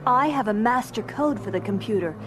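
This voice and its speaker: Woman playing a commanding rebel princess, high-voiced. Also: expressive, a little fast, natural voice. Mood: composed, businesslike. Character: composed, commanding young rebel princess giving orders. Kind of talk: 1980s audio drama acting. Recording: music behind dramatized audio.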